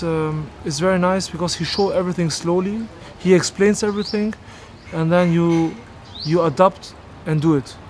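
Energetic bearded man, fairly high voice. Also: a little hiss or hum. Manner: energetic, emphatic, animated with hand gestures. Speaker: host. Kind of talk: casual interview and review. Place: open-air boxing gym, then outdoor garden.

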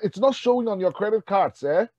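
A man voicing a calm, polite, all-knowing artificial intelligence that takes pizza orders in a joke. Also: high voice, a little fast, no echo, muffled recording, pitched above the performer's own voice.

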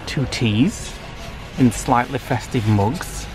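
Man, casual vlog chat, excitable and chatty, clear music underneath. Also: medium pitch, slow pace. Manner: chatty, easily excited, laughs often. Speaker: vlogger, half of a married couple.

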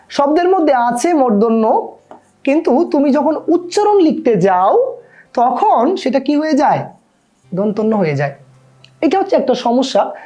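High-voiced teacher with a Bangladeshi Bengali accent. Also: female voice, mellow. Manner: repeats key terms and quizzes the listener with questions. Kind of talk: grammar lesson to students.

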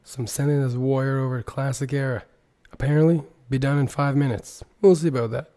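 Guy doing gaming news, sick with sore throat, voice hoarse and mostly lost, kinda dark soft tone. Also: mid-range voice, fairly even intonation, fairly quick. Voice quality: hoarse, strained, breaking into whisper. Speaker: gaming video host. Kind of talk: casual gaming news commentary over screen capture.

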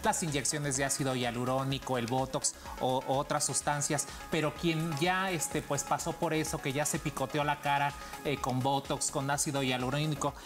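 A man's voice: on the high side, little pitch movement, moderate pace, music in the background. A man hosting a studio TV interview, asking long, formal questions. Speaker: TV show host. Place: TV studio set.

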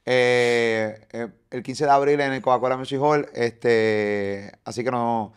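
Man, 30s, podcast host, crude banter, boom mic. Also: fairly even intonation, clear, resonant tone. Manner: crude slangy banter, quick reactions. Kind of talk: casual interview chat. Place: studio set with yellow chairs. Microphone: boom studio mic.

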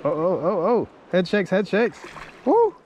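A fishing vlogger on a riverbank films himself with a chest- or head-mounted action camera, excitedly commentating for viewers as he fights and lands fish. He exclaims often and speaks directly to his audience. His voice sits high and a little slow, with some hiss or hum on the recording.

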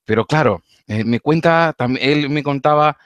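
A man's voice: on the high side, moderate pace, clear, resonant tone, no echo, lo-fi sound. A man interviewing a guest on a live stream, talking hesitantly with many fillers and repeated words.

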